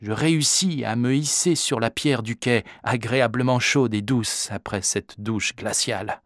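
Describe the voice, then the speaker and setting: A man reading a first-person story aloud in a measured, vivid narrating voice. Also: medium pitch, no room sound, studio quality. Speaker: audiobook reader. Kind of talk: scripted narration.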